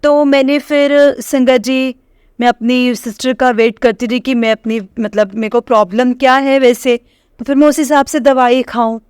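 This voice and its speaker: A woman recounts a personal experience to her congregation in a smooth, clear voice pitched a little high. She talks hesitantly, stops and starts, leans on fillers and keeps calling out to her listeners. The sound is close and dry. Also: steady tone, normal speed, darkish tone, no echo. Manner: hesitant, full of fillers and restarts, often addressing the listeners directly. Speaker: devotee sharing a personal experience.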